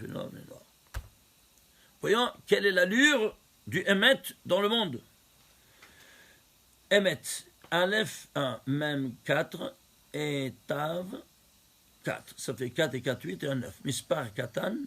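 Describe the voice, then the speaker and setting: A man's voice: on the high side, gravelly, fairly bright tone, slightly rough. A rabbi teaching a Torah class, counting out numbers step by step and putting questions to his listeners. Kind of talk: lively recorded Torah lesson.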